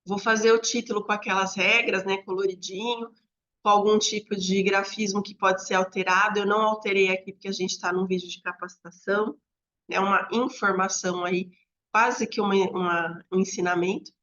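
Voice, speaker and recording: A Brazilian woman training teachers, explaining classroom methods step by step in a conversational way, often checking in with a quick "né?". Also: mid-range voice, fairly even intonation, a bit bright. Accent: Brazilian Portuguese. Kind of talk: instructional talk to teachers. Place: home room near a street. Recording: slightly dull lo-fi audio.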